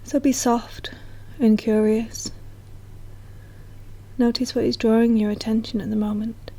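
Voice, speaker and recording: Leading a guided meditation, a woman speaks softly and soothingly at an unhurried pace. Her voice is breathy and mellow, sitting slightly high and holding very steady, with hardly any rise or fall.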